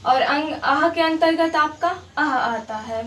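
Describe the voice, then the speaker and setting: A woman's voice: sits high, slow, fairly bright tone. A woman teaching a grammar lesson, explaining patiently and repeating each example while checking that her students follow. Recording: roomy, distant mic with faint background noise.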